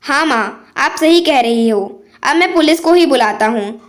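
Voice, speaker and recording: A woman's voice: high voice, animated, moderate pace. A woman voicing a young adult son who talks with worried urgency in a storybook tale.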